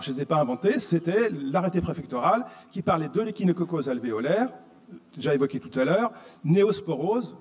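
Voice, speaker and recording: This explanatory public lecture comes from a French conference speaker whose voice is a little high with a darkish tone. He paces his teaching with rhetorical questions, and the hall he speaks in adds long reverb.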